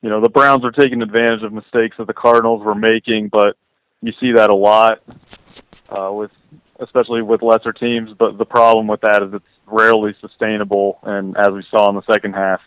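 Flat-voiced man on a dry line. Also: on the low side, no room sound, highs cut off. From Ohio. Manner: measured, even analysis. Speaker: podcast co-host. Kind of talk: casual sports podcast chat.

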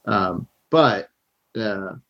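A man's voice: deep voice, lively intonation, extremely slow, fairly bright tone. A middle-aged man talking easily as an interviewer, with fillers and a conversational tone. The recording sounds a bit dull and lo-fi. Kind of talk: casual interview chat.

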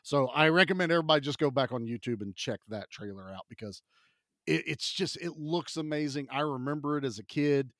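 A man's voice: on the high side, brisk, a bit bright, no room sound, clean studio sound. A man co-hosting a podcast, an enthusiastic and rambling storyteller. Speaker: podcast co-host. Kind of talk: casual chat.

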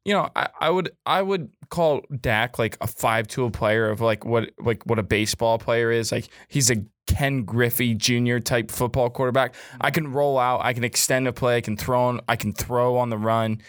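A young podcast co-host who talks fast and jokes his way through football banter. His pitch is mid-range and the sound is dry and close to the mic. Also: no echo. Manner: joking, talkative sports banter. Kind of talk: casual chat.

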